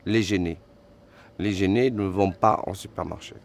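A man with a fairly low voice talks in an easy, relaxed way, pausing on small hesitations as he explains. Clear shop noise runs behind him in the small grocery. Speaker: shop customer and friend. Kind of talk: casual chat in a shop.

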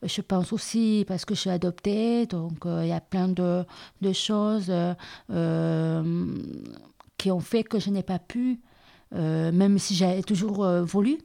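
Soft, hesitant woman in her thirties. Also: fairly low pitch, takes it slowly, gravelly. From southern India, raised in France. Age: 30s. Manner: hesitant, many fillers and restarts, soft-spoken. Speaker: interviewee. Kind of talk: personal testimony.

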